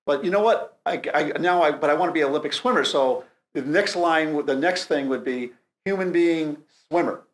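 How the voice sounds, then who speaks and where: Male guest, product rep, slightly high voice, explains with playful analogies. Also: a little fast, hardly any pauses. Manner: explains with a sports analogy, joking. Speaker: company representative guest. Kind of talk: casual interview.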